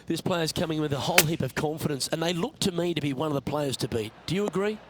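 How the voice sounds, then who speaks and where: A man's voice: on the high side, fast talker, heavy background noise. A man giving golf commentary as the lead announcer of a tournament.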